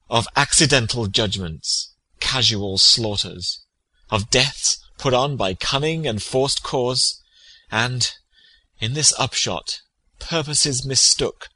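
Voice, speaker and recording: An actor playing a loyal, grieving noble friend of a prince in Shakespearean tragedy, with solemn, measured declamation. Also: male voice, mid-range voice, sharp tone, rough recording. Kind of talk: Shakespearean tragedy audio acting.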